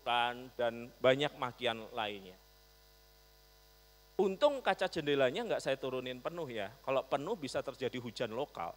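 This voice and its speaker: A male pastor preaching a storytelling sermon, animated, swinging from loud to soft. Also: medium pitch, normal speed. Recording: long reverb, mains hum.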